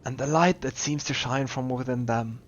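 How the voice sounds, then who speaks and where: A man's voice: mid-range voice, moderate pace, close to an everyday voice. A man reading as a rambling old custodian. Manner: rambling, wandering questions. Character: old, confused male museum custodian, rambling. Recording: slightly dull lo-fi recording. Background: faint game music.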